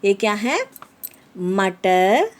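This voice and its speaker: A woman teaching a lesson to children, repeating each word slowly, explaining it in English and often asking if they understand. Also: medium pitch, expressive. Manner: slow, repeating words and explaining them in English.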